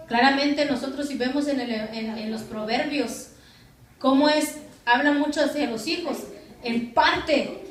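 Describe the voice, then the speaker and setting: Woman pastor, high voice, preaching, recorded from afar in an echoey church. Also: distant mic. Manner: preaching with rhetorical questions to the congregation. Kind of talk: sermon. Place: church hall.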